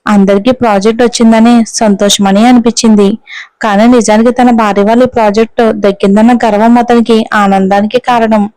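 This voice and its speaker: A woman narrating a romance audio story with a smooth, clear voice, pitched a little high and kept fairly level. The recording is dry and close to the mic. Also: brisk, dry recording, rough recording. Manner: steady storytelling. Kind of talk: scripted narration.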